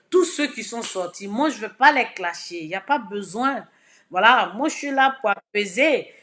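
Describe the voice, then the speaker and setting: A woman with an Ivorian accent giving advice straight to camera. She swings from shouting to soft, low pleading and repeats words for emphasis. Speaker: political social media commentator. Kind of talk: direct-to-camera message.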